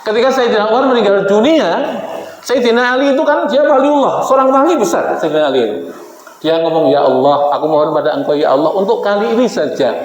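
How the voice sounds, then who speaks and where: A man's voice: high voice, quick pace. A man preaching an Islamic sermon, telling stories and acting out the voices of the figures in them, often turning to the women present. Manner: animated, acts out quoted figures, addresses the women present. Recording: echoey hall with faint background noise.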